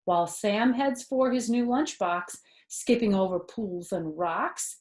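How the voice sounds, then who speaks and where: A grandmother in her fifties reads aloud a little slowly, her pitch medium, to children gathered in an indoor living room. She reads with lots of expression, explains words in easy terms, and turns to the listeners with questions.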